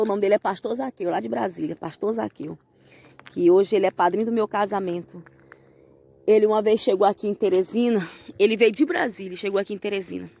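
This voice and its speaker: A woman's voice: medium pitch, dark tone. A young woman giving a fervent evangelical testimony, telling her story and calling the listener "brother". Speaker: church member giving a testimony.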